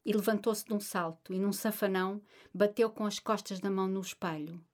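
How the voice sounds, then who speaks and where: Woman narrating a literary story. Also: mid-range voice. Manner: measured, expressive storytelling.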